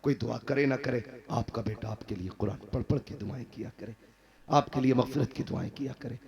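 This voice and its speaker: A man preaching a fervent religious sermon, swinging from loud exhortation to low, earnest tones. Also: normal speed, dull audio. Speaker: Islamic preacher. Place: madrasa gathering.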